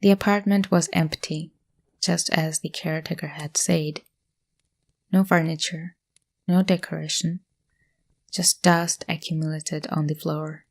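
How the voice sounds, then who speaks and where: A woman narrating a scary story in a hushed voice, often dropping to a whisper. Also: sits low, little pitch movement, a little slow, pauses often. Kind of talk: scripted horror story narration.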